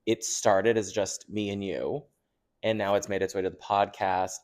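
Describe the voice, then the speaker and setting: A man's voice: fairly low pitch, flat delivery, normal speed, a little mellow. A man co-hosting a podcast in casual, playful, teasing chat. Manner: playful, teasing banter with laughs. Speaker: podcast co-host.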